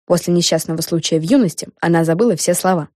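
A woman narrating a children's storybook in a clear, expressive way. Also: lowish voice, fast, no echo, studio quality.

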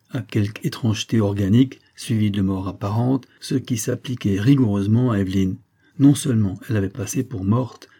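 A man reading a novel aloud as an audiobook narrator, measured and even. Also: lowish voice, slightly rough. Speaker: audiobook reader.

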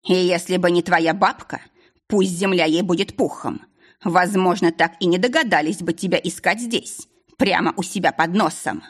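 A woman voicing a cold, scheming male duke who taunts his captives in a slow, mocking drawl. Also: fairly low pitch, breathy edge. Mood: smug, mocking.

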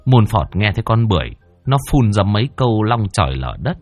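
A man's voice: lowish voice, very animated, fairly quick, darkish tone, dry recording, soft background music. A man narrating a comic ghost story in a playful, vivid way.

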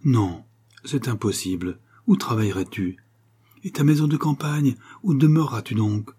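A man's voice: medium pitch, normal speed, dark tone, breathy edge, lightly acted. A man voicing an anxious, devoted eight-year-old girl in a storybook reading, talking earnestly and pleadingly. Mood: anguished.

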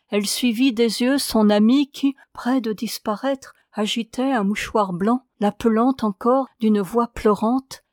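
A woman reading a translated prose poem aloud as an audiobook, in a measured, solemn way. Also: mid-range voice, a little mellow, no echo, clean studio sound. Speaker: audiobook reader. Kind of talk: scripted narration of a prose poem.

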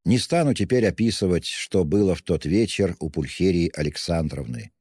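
Male audiobook narrator, deep and dark, measured delivery, long reverb. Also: slightly rough, clean studio sound. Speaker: audiobook reader. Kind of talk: scripted literary narration.

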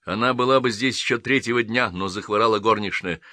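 A man's voice: fairly low pitch, fairly quick, dry recording. A man voicing a composed officer who speaks coldly and steadily in an audiobook. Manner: cold and steady. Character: calm, composed male officer, quietly happy.

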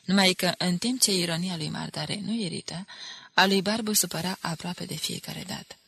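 Narrator: woman, bright and gravelly, dry close sound, measured audiobook reading. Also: on the low side, no echo. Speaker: audiobook reader. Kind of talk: scripted narration.

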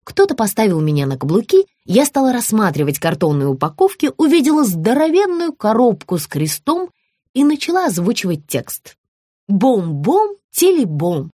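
Expressive woman reading a comic audiobook. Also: a little high, fairly quick, no room sound, studio quality. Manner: wry, expressive. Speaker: audiobook narrator. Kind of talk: first-person comic audiobook narration.

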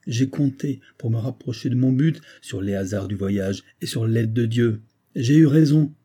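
A man voicing a grave, vengeful retired colonel with a husky voice, speaking in solemn, insistent declamation. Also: on the low side, normal speed, warm tone. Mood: stern resolve.

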